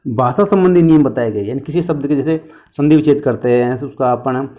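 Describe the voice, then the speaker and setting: Brief: male exam coach with a lilt, mellow tone, answers his own questions with mnemonics. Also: medium pitch, a little fast. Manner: explains with questions and answers to himself; uses memory tricks and jokes. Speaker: teacher. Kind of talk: exam-prep history lesson.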